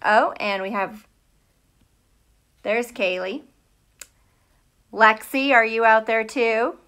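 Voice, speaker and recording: With a fairly high, clean-toned voice, a middle-aged American teacher takes her time during a live read-aloud streamed from a small indoor room at home. She chats animatedly with children, greeting them by name and asking questions, captured by a phone or tablet at arm's length.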